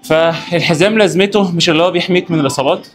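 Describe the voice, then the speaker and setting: A man's voice: a little high, very fast. A man with an Egyptian accent vlogging his workout in a gym, joking with the cameraman and giving coaching tips. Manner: joking, teasing banter between sets; coaching instructions. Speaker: fitness vlogger. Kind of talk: casual workout vlog.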